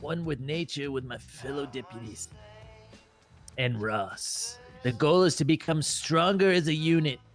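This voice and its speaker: A man's voice: fairly high pitch, a little slow, soft background music, natural voice. A man playing a deputy in a game roleplay, joking in a mock-grand, bossy way.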